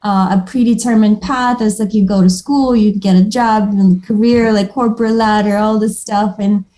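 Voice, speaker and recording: Her mid-range voice is steady and warm at a normal speed. Originally from Moldova with Moldovan and Russian as first languages, she's a chatty, upbeat guest in a casual interview, frequently restarting and laughing lightly.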